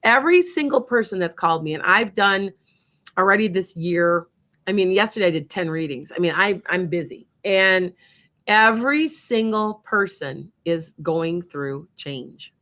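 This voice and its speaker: A woman from Wisconsin runs a psychic radio program, drifting between casual chatter and readings with plenty of laughter. She has a lowish, bright, forceful voice, speaking expressively at a moderate pace.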